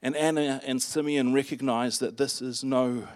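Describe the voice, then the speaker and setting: A man preaching a sermon in a conversational, halting way, with restarts and fillers. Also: medium pitch, fairly even intonation, darkish tone, dry recording, clean studio sound. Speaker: pastor.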